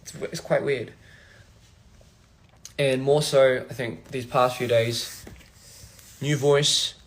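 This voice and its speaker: A young man from Australia chatting casually on a phone livestream, soft-spoken and reflective, drifting between thoughts. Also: mid-range voice, fairly even intonation, takes it slowly. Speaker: musician livestream host.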